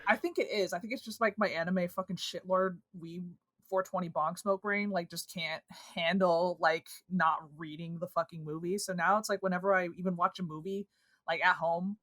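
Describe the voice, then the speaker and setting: A woman's voice: on the low side, steady tone, moderate pace, fairly bright tone, dry recording. A woman chatting casually as a podcast co-host, rambling, swearing heavily and trailing off. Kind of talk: casual chat.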